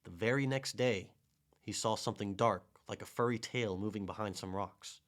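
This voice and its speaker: A man narrating a children's storybook in a gentle, measured way. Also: on the low side. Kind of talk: storybook reading.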